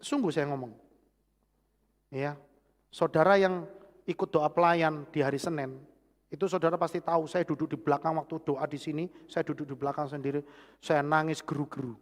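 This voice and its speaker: A middle-aged man with a Javanese accent preaching a sermon with personal testimony, animated, swinging from loud exclamations to hushed asides. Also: fairly high pitch, moderate pace, pauses often. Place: church hall. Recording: long church hall reverb.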